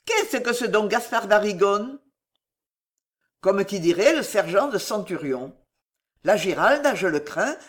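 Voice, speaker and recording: A woman's voice: medium pitch, close to an everyday voice. A woman doing a grave impassive dwarf man. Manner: grave, restrained. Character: male dwarf, frail but iron-willed, impassive. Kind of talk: audiobook character reading.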